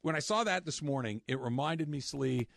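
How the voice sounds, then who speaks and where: A man's voice: a little high, animated, normal speed, vocal fry, fairly bright tone, dry recording, studio quality. Chatty man hosting sports talk. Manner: chatty, restarts often, jokes around. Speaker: sports radio host.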